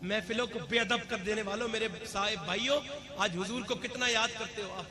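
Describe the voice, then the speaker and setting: A man delivers a fiery sermon at a live gathering, his voice pitched very high. He builds from steady storytelling to loud, impassioned shouts aimed at the listeners. The sound of a gathered crowd is clearly heard around him. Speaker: preacher. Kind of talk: Urdu religious sermon. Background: audible crowd.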